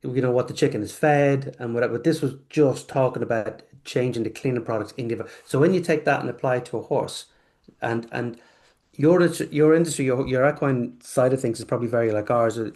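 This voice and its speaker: Man from the UK in a casual interview; halting, restart-heavy delivery. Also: medium pitch, a little mellow. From United Kingdom. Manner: halting, many restarts and fillers. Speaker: probiotics company guest.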